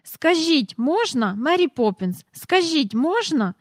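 Woman plays excitable young boy, pleading, high and bright, storybook. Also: normal speed, dry recording, clean studio sound, close to an everyday voice. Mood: excited. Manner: eager, pleading, impatient.

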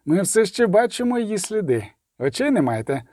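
A man's voice: high voice, very animated, brisk, darkish tone, no room sound, voice pushed up. A man voicing a tired but insistent male tracker in an audiobook, impatient and pushing the others on. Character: weary, insistent male tracker pressing the hunt.

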